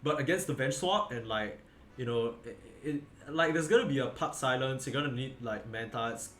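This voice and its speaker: A tired, yawning esports caster gives casual game commentary, rambling along, correcting himself mid-sentence and leaning heavily on fillers. His voice is medium in pitch and fairly bright, at a normal speed. The recording has an echoey room with faint background noise.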